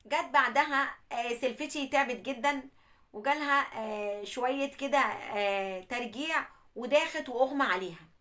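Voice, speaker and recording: A woman's voice: sits high, moderate pace, pushed and bright. A woman with an Egyptian accent who narrates a listener's story in first person, then gives earnest religious advice. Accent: Egyptian Arabic. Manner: earnest, admonishing. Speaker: host reading a listener's story.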